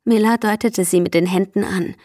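A woman giving a steady, measured reading of a scripted storybook narration. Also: medium pitch, no room sound, clean studio sound. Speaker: audiobook narrator.

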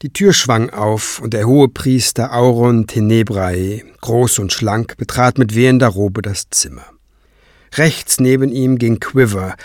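A man narrating an audiobook with lively, expressive delivery. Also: medium pitch, dry recording, clean studio sound. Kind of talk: scripted narration.

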